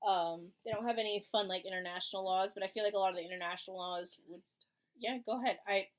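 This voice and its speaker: A young woman co-hosting a casual podcast, blunt and quick to swear. She rambles through her points with plenty of fillers. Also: mid-range voice, steady tone. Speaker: podcast co-host. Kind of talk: casual chat.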